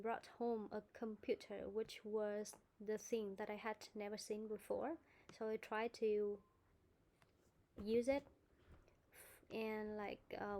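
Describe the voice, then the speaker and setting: A woman's voice: a little high, a little mellow. A woman teacher with a Vietnamese accent coaching students in an online English speaking class, modelling answers and explaining words.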